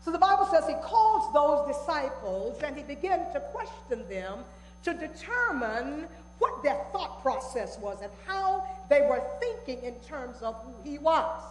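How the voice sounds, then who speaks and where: A woman's voice: high-pitched, a little hiss or hum. A woman pastor preaching a sermon, repeating words for emphasis as her delivery rises and falls. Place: church sanctuary. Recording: echoey church hall.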